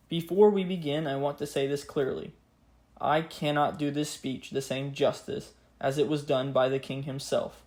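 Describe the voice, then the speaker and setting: A man giving a scripted history narration in a grave, measured, earnest way, as a podcast host. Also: on the high side, darkish tone. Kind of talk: scripted history narration with a solemn read-out speech.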